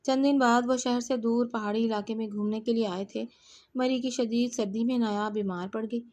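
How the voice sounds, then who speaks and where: A woman narrating a romance novel in an even storytelling manner. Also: on the high side.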